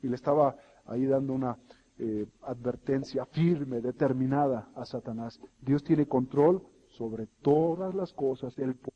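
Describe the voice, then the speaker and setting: A man's voice: mid-range voice, unhurried, husky, dull audio. A man preaching a sermon in a church hall, emphatic and asking the congregation questions. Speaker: pastor.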